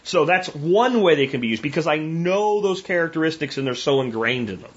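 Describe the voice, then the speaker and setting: A man's voice: a little high, expressive, a little fast, lo-fi sound. A man hosting a homesteading show, talking casually and with strong opinions as he answers viewer questions. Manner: folksy, opinionated, with frequent restarts and tag questions. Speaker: homesteading podcast host.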